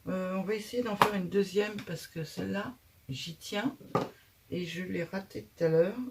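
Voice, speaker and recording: A woman's voice: medium pitch, unhurried, heavy background noise. A woman hosting a casual craft tutorial, chatting and thinking aloud as she works, with frequent hesitations.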